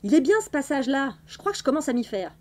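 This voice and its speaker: A woman's voice: high voice, big pitch swings, fast. Woman playing a chatty self-assured old witch. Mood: coaxing. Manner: assured, matter-of-fact.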